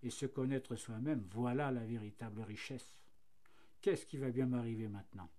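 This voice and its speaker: A man's voice: medium pitch, steady tone, normal speed, dark tone, pitched below the performer's own voice, close to an everyday voice. A man voicing a cheerful, self-satisfied flax plant that becomes linen and then paper, marvelling at its fortune. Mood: content.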